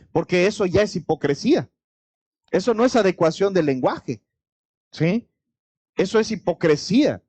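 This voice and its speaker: A man's voice: sits high, a little mellow, dry recording. A man with a Mexican accent preaching a sermon as pastor, talking straight to the congregation with many rhetorical questions. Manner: conversational preaching with direct address and rhetorical questions.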